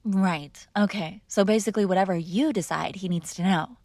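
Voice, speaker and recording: This intimate ASMR girlfriend roleplay features a woman close to the microphone as a mob boss's spoiled, defiant daughter, conversationally teasing and sarcastic in one-sided dialogue. Her mid-range, slightly mellow voice moves at a moderate pace, lightly acted with no room sound, indignant and challenging.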